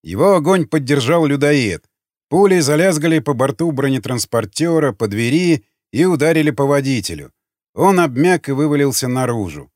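A man reading an audiobook in steady, dramatic storytelling. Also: medium pitch, no echo, studio quality. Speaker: audiobook narrator. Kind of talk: audiobook narration.

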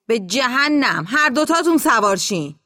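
A woman putting on a rough village tractor driver who yells everything out. his voice sits high and strained and lands hard in a dry, close sound. an audiobook figure with no softness. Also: very animated, no echo. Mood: hollering. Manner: shouting, rustic.

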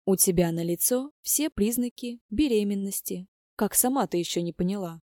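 A woman voicing a brisk, sarcastic young woman who bosses her friends around. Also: medium pitch, animated, dark tone, no room sound, clean studio sound, close to an everyday voice. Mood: bossy. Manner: sarcastic, bossy.

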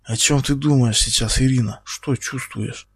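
A man voicing a menacing male captor who speaks slowly and quietly, taunting his victim. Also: mid-range voice, fairly even intonation, slightly rough, no echo. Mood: quiet menace. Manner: slow, quiet, taunting, bursts into shouting.

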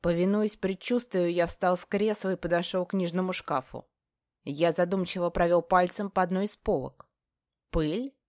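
A woman's voice: on the low side, steady tone, normal speed, a little mellow, no room sound. A woman narrating a first-person fantasy audiobook in a tense, dramatic storytelling manner, close to the mic.

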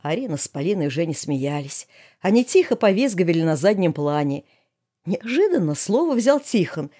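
A woman reading a comic story aloud as narrator, lively and expressive. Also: fairly low pitch, normal speed. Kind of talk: audiobook narration.

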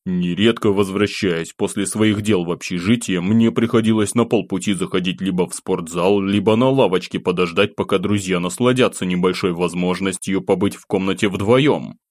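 A man with a low, deep voice narrating a first-person audiobook. His delivery is calm and wry, and the close, dry recording has no room sound. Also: moderate pace, hardly any pauses, no room sound.

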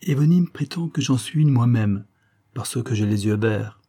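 Mischievous young woman, teasing, wilful, husky lift in the voice, audiobook reading, a man puts her on. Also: mid-range voice, animated, normal speed, warm tone, close to an everyday voice.

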